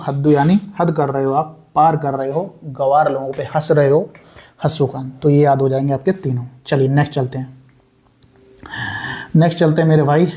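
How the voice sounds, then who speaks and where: A man's voice: a little high, dark tone. A young man giving a casual exam-prep lesson, chatty and repetitive, often calling his viewers brother. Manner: chatty, repeats words, addresses viewers as brother. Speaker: exam coaching teacher.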